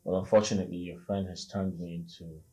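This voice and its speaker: A man's voice: sits low, flat delivery, fast, mellow, soft background music, natural voice. An actor playing an embittered man in a film drama, stern and formally civil as he refuses. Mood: cold refusal.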